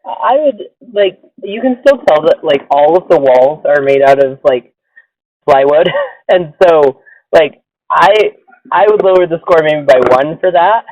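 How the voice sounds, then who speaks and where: A man's voice: a little high, animated, measured pace, no room sound. A man hosting a podcast in a casual, chatty style. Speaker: podcast host. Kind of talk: casual chat. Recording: dull lo-fi makeshift recording.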